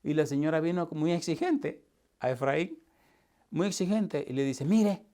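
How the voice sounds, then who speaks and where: A man, a pastor teaching a preaching seminar to a live audience, asking constant call-and-response questions and swinging from loud to hushed. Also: fairly high pitch, animated, normal speed. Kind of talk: lively seminar sermon. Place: church hall with live audience.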